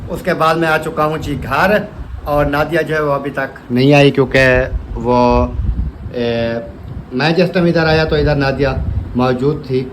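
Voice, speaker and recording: A man's voice: a little high, fairly even intonation, unhurried, slight background noise, rough recording. Man vlogging straight to camera. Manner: direct and repetitive, keeps asking "theek hai?". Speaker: family vlogger. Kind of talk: casual vlog talk.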